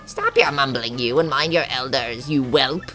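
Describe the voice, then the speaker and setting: A man voicing a stern old woman elder who scolds and lectures in a gruff way in a video game. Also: medium pitch, moderate pace, pushed and bright, faint music behind, close to an everyday voice. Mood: scolding.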